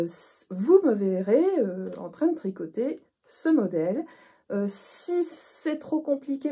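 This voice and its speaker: A woman's voice: mid-range voice, dark tone, slightly rough. A middle-aged woman hosting a knitting podcast, chatting casually with frequent hesitations and restarts. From northern France. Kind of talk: casual chat to camera.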